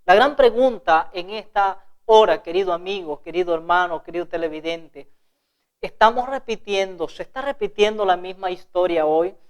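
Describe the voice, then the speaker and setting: A woman from Honduras with a Honduran accent preaching a televised sermon, speaking earnestly to viewers and reading scripture slowly. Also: fairly low pitch, dull audio. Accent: Honduran Spanish.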